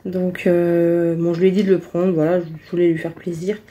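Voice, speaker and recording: A woman's voice: on the low side, flat delivery, normal speed, warm tone. A woman chatting casually through a shopping haul vlog, hesitant and full of fillers. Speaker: vlogger showing a shopping haul.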